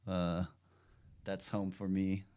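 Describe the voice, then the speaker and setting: A man around thirty from Los Angeles, a podcast guest talking in a halting, thoughtful way with many fillers. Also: low voice, monotone, warm tone. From Los Angeles, United States. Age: 30s. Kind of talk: casual podcast chat. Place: studio.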